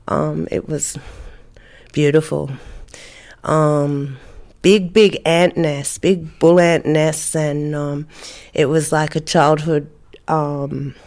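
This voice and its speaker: An Australian woman, a mother of two, answering interview questions in a halting way with many fillers and pauses. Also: low-pitched, a little mellow. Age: adult, mother of two. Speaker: interview guest. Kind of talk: casual interview.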